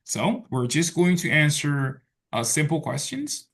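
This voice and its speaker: A man teaching an English class, talking in a relaxed way full of fillers like "so" and "okay". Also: on the high side, a little slow. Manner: relaxed, filler-heavy, says "so" and "okay" a lot. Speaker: English tutor. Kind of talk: online tutoring class.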